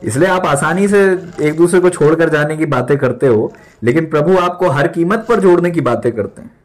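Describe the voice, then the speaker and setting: A young male pastor in his twenties delivers a sermon with real emphasis. He drops English words into his speech and hammers points home by repeating them. His voice sits a little higher than most men's. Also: animated, a little fast. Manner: emphatic preaching, repeats lines for stress.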